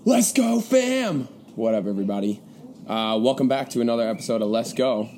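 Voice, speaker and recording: A man's voice: on the low side, steady tone, quick pace. A man in his twenties with a congested, stuffy nose, hosting a casual podcast in informal, upbeat slang. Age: 20s. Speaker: podcast host. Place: outdoors by a pool. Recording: outdoor recording with clear background noise. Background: birds, people and music.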